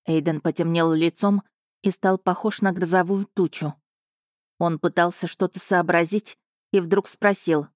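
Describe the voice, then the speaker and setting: A woman reading a first-person audiobook in an even, measured way. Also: lowish voice, no room sound, clean studio sound. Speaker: audiobook narrator.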